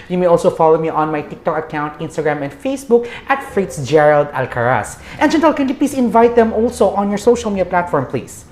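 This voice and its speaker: Effusive lady interview host, lowish voice that swings around a lot, bit of noise. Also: a little mellow. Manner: effusive, complimentary. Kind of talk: conversational interview hosting. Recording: roomy echo, faint background noise.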